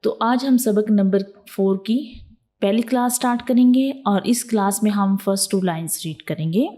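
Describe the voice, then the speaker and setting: A woman teacher walks her students through a lesson in a calm, step-by-step way. Her voice is mellow and warm, sits at a middle pitch, and keeps returning to check that they follow. She slips English words into her explanations. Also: normal speed. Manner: patient, repetitive explaining with frequent "theek hai" check-ins; mixes English words into Urdu teaching talk. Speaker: Quran reading teacher.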